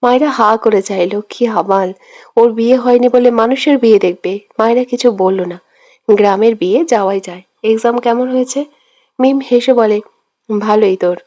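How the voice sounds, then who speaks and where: A woman's voice: on the high side, moderate pace, warm tone, muffled recording. A woman narrating a romantic audio story, reading all of the characters' lines herself with only small changes of voice. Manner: reads every part herself, quoted lines only slightly marked.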